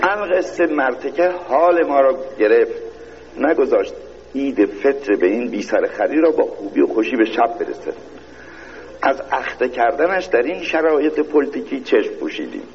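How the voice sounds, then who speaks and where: A man giving a satirical literary reading, speaking as a pompous royal narrator with a deliberate, sardonic delivery. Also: medium pitch, lively intonation. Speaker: reader. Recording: dull, lo-fi recording with faint hiss.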